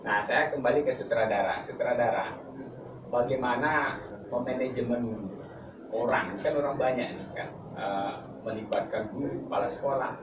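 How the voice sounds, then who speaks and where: A man's voice: mid-range voice, normal speed, muffled recording. A man interviewing students and a teacher in a casual, chatty way, often laughing and teasing. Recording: roomy distant mic with noise.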